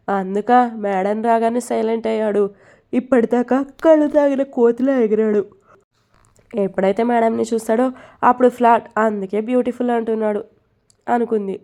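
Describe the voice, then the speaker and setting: Young female storyteller, mellow and a bit high, narrates the story and voices all the dialogue.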